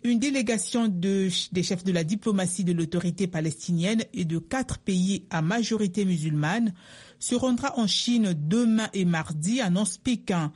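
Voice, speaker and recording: A woman's voice: medium pitch, normal speed, a little mellow, slightly rough. A woman presenting a radio news bulletin, reading from a script.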